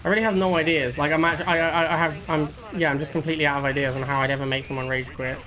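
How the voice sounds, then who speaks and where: A man's voice: fairly high pitch, little pitch movement, very fast. A man giving casual live commentary as he streams a game, musing and repeating himself in a conversational way.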